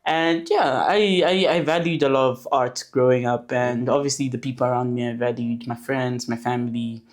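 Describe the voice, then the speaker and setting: A woman in her twenties, born in Zambia and raised in South Africa, who is a guest on a podcast and tells her story in a relaxed, chatty way. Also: very deep voice, moderate pace. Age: 20s. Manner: relaxed storytelling with fillers and restarts. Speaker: podcast guest, animation producer. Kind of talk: casual podcast interview.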